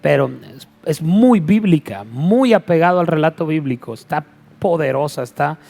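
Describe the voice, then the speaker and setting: A pastor preaching in a lively storytelling manner, breaking off for joking asides. His voice sits a bit high for a man. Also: normal speed, gravelly. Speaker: apostle and pastor. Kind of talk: sermon.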